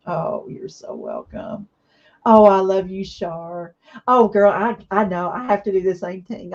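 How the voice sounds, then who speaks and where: During a craft live stream, an emotional woman in tears reads viewer comments out loud and answers them with warmth. Her voice is mid-range, and the recording has its highs cut off.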